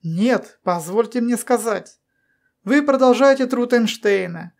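A woman's voice: mid-range voice, normal speed, darkish tone, lightly acted. A woman voicing a man, a surgeon, who speaks with heated conviction in an audiobook. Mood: earnest. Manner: heated, earnest. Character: adult male surgeon, fervent and admiring.

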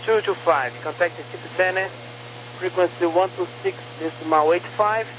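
High-voiced male controller on noisy radio. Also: unhurried. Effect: aviation radio. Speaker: air traffic controller. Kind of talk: clipped air traffic radio instructions. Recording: noisy crackly radio channel.

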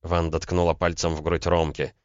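A man with a very low, deep voice reads an audiobook in a measured way. The sound is dry and close, with a slightly dull, muffled tone. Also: completely flat delivery, dry recording. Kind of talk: audiobook narration.

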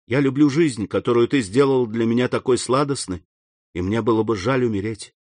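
A man's voice: mid-range voice, fairly quick, a little mellow, dry recording, lightly acted. A man reading aloud and voicing a young devoted woman who pleads tenderly in a raised voice. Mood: quiet, sorrowful.

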